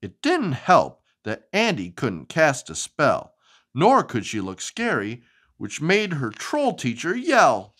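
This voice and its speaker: Reading at a slow pace, a woman with a low voice hosts a children's storytime in a hugely animated, sing-song, expressive manner. She also turns to talk with a child, posing questions along the way.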